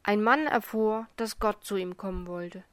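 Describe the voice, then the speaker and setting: A woman reading her own blog post aloud as a story, voicing the characters with lively storytelling. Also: mid-range voice, moderate pace, smooth, dry recording.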